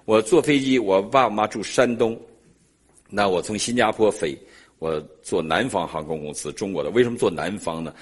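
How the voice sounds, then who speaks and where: A middle-aged man preaching and telling a personal story in an animated way, laughing often. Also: on the low side, normal speed, slightly rough. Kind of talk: sermon testimony storytelling.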